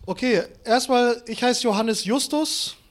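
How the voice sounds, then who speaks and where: A Kazakhstan-born pastor in his late twenties delivers a sermon while walking around, blending Bible reading with lively, playful, self-mocking anecdotes. His voice is high for a man and a little slow.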